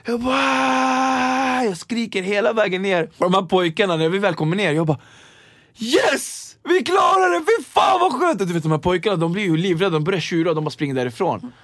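A young man telling lively stories in casual chat, acting out the people in them. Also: high-pitched, no echo, studio quality. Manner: animated, acts out voices in his anecdotes. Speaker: guest.

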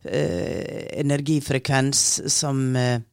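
A middle-aged woman telling her own experiences as a guest in an interview, calm and unhurried, a little halting. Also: extremely low pitch, vocal fry, smooth, no echo, studio quality. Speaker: guest channeler. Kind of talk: reflective personal storytelling in interview.

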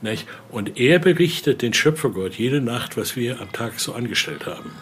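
Expressive and medium-pitched, this man speaks at a moderate pace as he guides an informal tour of an indoor exhibition room. He is a museum guide and voodoo expert who explains as he goes, often adding small tag questions, with faint on-location background noise.

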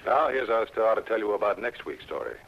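A man's voice: lowish voice, big pitch swings, a little fast, a little hiss or hum. A man announcing scripted credits for a 1960s radio programme in a polished, formal delivery. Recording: muffled old radio broadcast with music.

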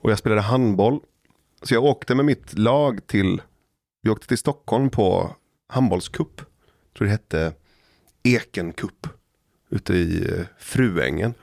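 A man from Gothenburg co-hosting a podcast, telling animated childhood anecdotes. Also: fairly low pitch, vocal fry, no echo, clean studio sound. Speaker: podcast co-host. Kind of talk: casual chat.

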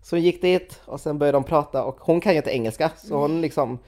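Young woman, conversational storyteller, animated, quotes others, filler-heavy delivery. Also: deep voice. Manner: animated retelling with quoted voices and frequent fillers. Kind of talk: casual chat, storytelling.

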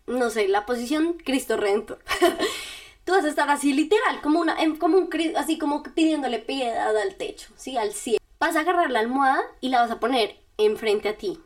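Chatty woman host with a higher voice. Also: expressive, fairly quick. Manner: talks straight to the listener, giving step-by-step directions with fillers; chatty and informal, with little laughs. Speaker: podcast host. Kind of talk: casual guided self-help instruction.

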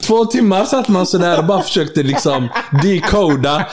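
A young man in relaxed banter with a friend, voice often breaking into laughter. He talks in slang and acts out the lines of the people he describes, keeping the mood loose and playful. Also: high voice. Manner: laughs often, slangy, animated storytelling with mimicked quotes. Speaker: podcast co-host. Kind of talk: casual banter between friends.

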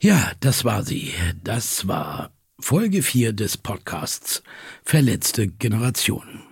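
An actor playing a podcast host who asks probing, slightly hesitant questions in an audio drama. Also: male voice, on the low side, big pitch swings, takes it slowly, creaky, breathy edge, dry recording, clean studio sound, full character voice.

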